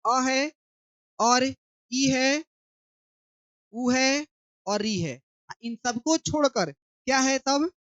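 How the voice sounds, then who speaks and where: A woman's voice: high-pitched, expressive, extremely slow, pauses often, a bit bright, no room sound, muffled recording. A woman teaching an online grammar class, asking questions and answering them herself, stretching out the vowel sounds as she chants them.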